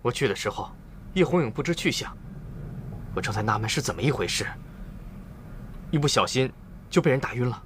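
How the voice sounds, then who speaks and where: A man's voice: mid-range voice, lively intonation, fairly quick, pauses often, fairly bright tone, slight background noise, close to an everyday voice. An actor playing an earnest, stubborn young male disciple in a costume drama, insistent and pleading. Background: drama score music.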